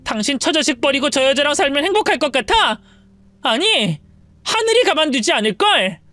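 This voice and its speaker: A woman's voice: high-pitched, sing-song, moderate pace, bright, forceful tone, no room sound, soft background music, voice pushed up, full character voice. A woman voicing a betrayed wife who confronts her cheating husband. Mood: furious. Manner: indignant, pleading. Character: wronged wife with a limp, shaken and furious.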